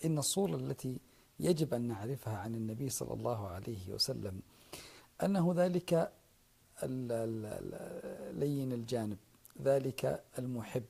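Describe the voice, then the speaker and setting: A man's voice: medium pitch, moderate pace, vocal fry, dark tone, husky. A man, a sheikh, giving an earnest religious lecture to an online audience, addressing listeners directly and repeating key names for emphasis.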